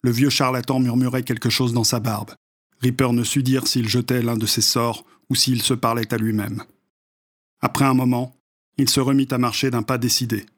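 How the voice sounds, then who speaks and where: Man narrating a dark story, measured. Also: mid-range voice. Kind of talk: audiobook narration.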